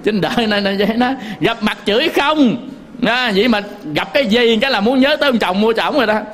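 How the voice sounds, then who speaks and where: A man's voice: sits high, brisk, fairly bright tone. A man giving a Buddhist sermon in a Southern Vietnamese accent, telling folksy stories with frequent chuckles and speaking straight to his listeners. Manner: folksy storytelling, chuckles often; addresses listeners directly. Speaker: Buddhist monk teacher.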